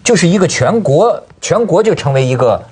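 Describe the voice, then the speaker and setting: A man's voice: on the high side, sing-song, a little fast, darkish tone, breathy edge. A man hosting a casual panel discussion, talking colloquially with exclamations and prompting questions. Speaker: talk show host.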